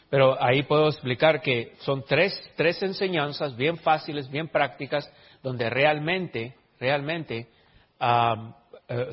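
A man preaching a sermon as pastor, stammering through restarts and then rising to emphatic, drawn-out lines. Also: medium pitch, husky. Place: church. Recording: dull lo-fi sound with long hall reverb.

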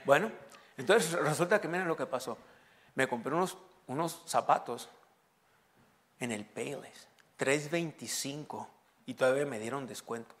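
A man's voice: mid-range voice, normal speed, long pauses, fairly bright tone. A man in his forties with a Mexican accent, preaching a sermon as a pastor and telling humorous stories to his congregation. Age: 40s. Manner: humorous storytelling, joking with the congregation.

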